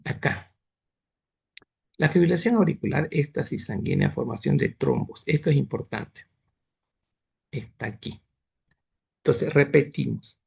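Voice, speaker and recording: A man lectures on medicine over a video call, taking students through the material point by point and checking that they follow. His voice is strongly gravelly and a bit husky, set slightly high for a man. The sound is dull and lo-fi. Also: animated, measured pace, long pauses, a little mellow. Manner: explains step by step, asks students if they follow. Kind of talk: online class lecture.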